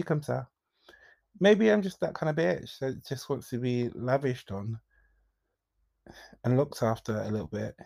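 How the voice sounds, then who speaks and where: A young man hosts a podcast on his own, speaking in a frank, confiding way with sudden bursts of emphasis. His voice sits at an ordinary male pitch. The sound is dry and close, with no room echo. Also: creaky, a little mellow. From Jamaica. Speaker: podcast host. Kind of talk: candid solo podcast monologue.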